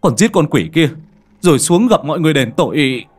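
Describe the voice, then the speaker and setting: A man voicing a distraught young man who shouts desperately. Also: fairly low pitch, expressive, rapid-fire, breathy edge, faint music behind.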